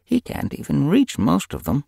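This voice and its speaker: A wry older she-cat calls out and mutters half to herself with dry exasperation, as a man puts her on. The voice sits high, the recording close and dry. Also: huge pitch swings, moderate pace, creaky, mellow, breathy edge, no room sound, full character voice.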